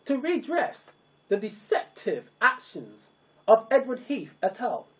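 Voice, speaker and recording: Reading a scripted, declamatory public address, a narrator goes very slowly, breaking sentences into short, weighty pieces. The tone is solemn and emphatic, and the pitch swings hugely from phrase to phrase.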